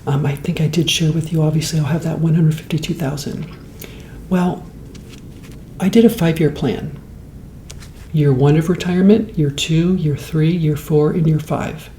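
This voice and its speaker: Soft-spoken man in his fifties. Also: on the high side, fairly even intonation, roomy sound, slight background noise. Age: 50s. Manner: slow, rambling, conversational. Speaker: host. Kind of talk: soft-spoken ASMR talk.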